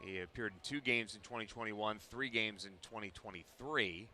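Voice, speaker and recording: Bright-voiced man giving baseball analysis. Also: on the low side, moderate pace, a little hiss or hum. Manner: relaxed, thoughtful analysis with dry humor. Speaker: color commentator. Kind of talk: baseball broadcast commentary.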